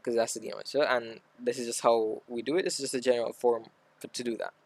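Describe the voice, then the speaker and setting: A man's voice: mid-range voice, steady tone, quick pace, vocal fry, no echo. A man tutoring maths, talking casually through a worked example step by step and correcting himself as he goes. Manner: talks through steps aloud, self-correcting. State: hiccuping.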